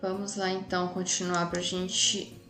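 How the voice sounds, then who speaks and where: A woman's voice: on the low side, flat delivery, measured pace. A woman teacher with a Brazilian Portuguese accent, explaining a lesson casually to children and often checking with tag questions. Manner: chatty, frequent tag questions. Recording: echoey room with faint music.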